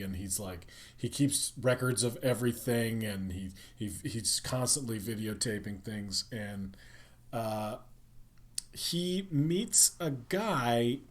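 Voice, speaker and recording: A man's voice: mid-range voice, slow. A man chatting casually on a podcast, rambling with lots of ums and restarts. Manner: rambling, many fillers. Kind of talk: casual chat.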